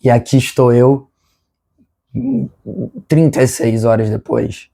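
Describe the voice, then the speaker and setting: A Brazilian man casually hosting a fan vlog, his voice hoarse, congested and nasal with a smoker's rasp, rambling apologetically as he strains past a sore throat. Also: medium pitch, fairly even intonation, slow, warm tone. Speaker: football fan channel host. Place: his room at home.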